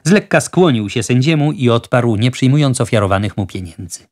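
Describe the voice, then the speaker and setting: A man narrating an adventure novel for an audiobook in a measured, even reading. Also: medium pitch. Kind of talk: scripted narration.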